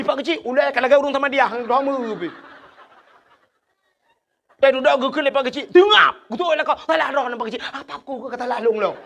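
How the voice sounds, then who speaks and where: A man's voice: very high voice, vocal fry, bright, forceful tone. A man preaching a humorous village sermon with an Acehnese accent, telling stories and acting out villagers' dialogue. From Aceh.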